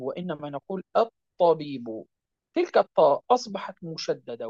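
A man teaching a tajweed lesson, explaining rules patiently and drawing out example words slowly. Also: high-pitched, gravelly, no room sound. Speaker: Quran recitation teacher. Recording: dry, dull lo-fi sound.

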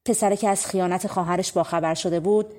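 A woman reading an audiobook of folk tales, narrating in a relaxed, conversational storytelling way. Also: on the low side. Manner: conversational, spoken-style telling. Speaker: audiobook reader.

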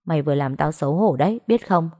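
Woman doing a fed-up young woman scolding fast, low-ish voice, storybook. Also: expressive, a little mellow. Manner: scolding, quick, blunt. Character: exasperated young woman scolding her friend.

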